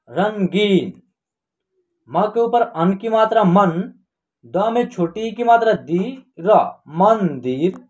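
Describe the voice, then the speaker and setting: A man hosting an online reading lesson, spelling words out slowly sound by sound and often checking that the viewer is following. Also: high-pitched, darkish tone. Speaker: online Hindi teacher and channel host. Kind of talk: slow classroom lesson, spelling out words syllable by syllable.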